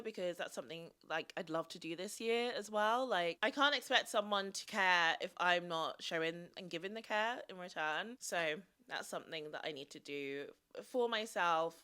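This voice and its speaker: Bright-voiced young woman with slight vocal fry. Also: medium pitch. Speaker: YouTube vlogger. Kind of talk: casual chatty vlog talk to camera.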